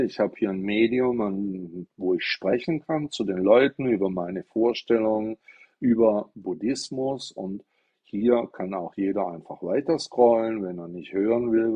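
A man's voice: on the low side, measured pace, husky, lo-fi sound. A man from southwest Germany giving a casual, rambling live-stream monologue into an iPad. He explains things and asks himself rhetorical questions as he goes. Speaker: livestreamer talking about Buddhism.

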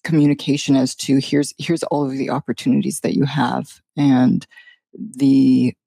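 Gravelly middle-aged woman telling her story. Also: rumbling low, fairly even intonation, warm tone, dry recording. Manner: halting, many fillers, wry. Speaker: guest. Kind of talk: personal storytelling in a podcast.

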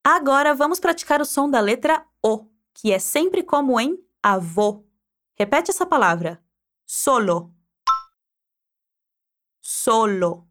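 A woman's voice: high voice, very animated, normal speed, fairly bright tone. A woman teaching Spanish, guiding the listener through pronunciation drills and prompting them to repeat aloud.

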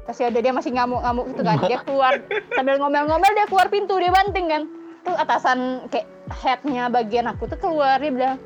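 A high-voiced young woman chatting as a guest, telling a story with energy and playing out the quoted lines herself. Her voice comes through a dull, lo-fi recording with faint music underneath. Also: fast talker. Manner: lively, laughs often, acts out quoted dialogue. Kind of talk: casual storytelling chat.

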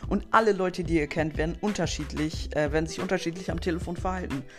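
A man's voice: a little high, fast, music in the background. A man hosting his podcast in a casual, upbeat way, with plenty of repeated stock phrases. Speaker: podcast host. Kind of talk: casual podcast intro and outro.

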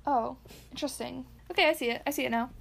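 A woman's voice: sits high, fast, gravelly, a bit bright. A woman co-hosting a casual podcast, recapping a movie in a rambling, giggly way with lots of fillers and restarts. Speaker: podcast co-host.

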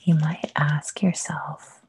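A woman whispering a guided meditation, soft and soothing with long pauses. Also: deep voice, flat delivery, husky, dry recording.

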